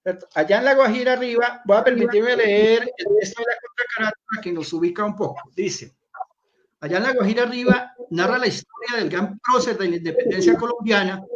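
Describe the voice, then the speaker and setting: A male moderator with a notably high voice reads a book's back-cover text in a steady, formal manner. The sound is muffled and lo-fi. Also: quick pace, few pauses. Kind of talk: reading aloud and hosting a panel. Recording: dull lo-fi audio.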